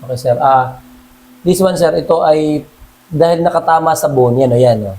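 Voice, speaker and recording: A man working as a massage therapist, talking a client through a treatment in a calm, reassuring way and calling him sir at every turn. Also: on the high side, moderate pace, low-quality recording. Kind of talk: casual instruction during a hands-on treatment.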